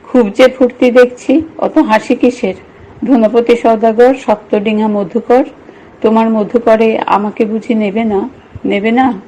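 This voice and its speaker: A woman voicing a fond young wife who talks to a baby in soft, slow, doting words. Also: fairly high pitch, steady tone, a little hiss or hum, lightly acted, rough recording. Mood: cooing.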